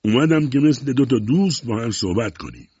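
A man voicing a sly, pushy old male pirate who shouts in a hearty, insistent way. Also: mid-range voice, animated, husky, no room sound, voice pushed up. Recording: dull muffled recording.

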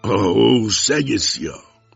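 Gruff old sea captain, as a man puts him on. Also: medium pitch, very animated, warm tone, no room sound, soft background music, voice pushed up. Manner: gruff, angry barking. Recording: dull muffled recording.

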